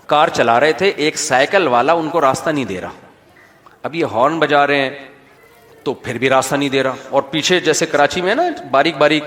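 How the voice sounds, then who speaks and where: A man's voice: medium pitch, a bit bright. A man, preaching and telling funny stories to an audience in a hall, chatty and speaking straight to his listeners. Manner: chatty, jokey, addresses listeners directly. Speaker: Islamic preacher. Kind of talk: humorous sermon storytelling. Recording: long hall reverb.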